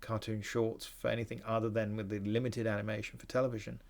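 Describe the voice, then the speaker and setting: A man's voice: on the low side, level tone, quick pace, vocal fry. A man hosting a podcast, talking through a film in an analytical, musing way with frequent restarts. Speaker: podcast host. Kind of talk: casual film discussion.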